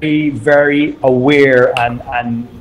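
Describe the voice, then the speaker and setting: A middle-aged man from Barbados, giving measured interview answers as a guest entrepreneur and often repeating words while he gathers his thoughts. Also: mid-range voice, steady tone, a little hiss or hum, poor audio.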